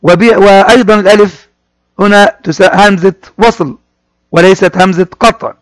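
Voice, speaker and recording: A man teaching a primary school class, talking straight to the pupils and repeating words slowly as he explains them. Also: high voice, fairly even intonation, no echo. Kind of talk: classroom lesson explaining a poem.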